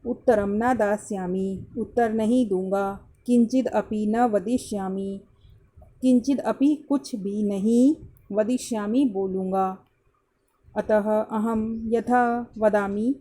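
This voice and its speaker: A woman's voice: medium pitch, dark tone. Woman reading as an indignant fable turtle. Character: angry proud male turtle in a fable.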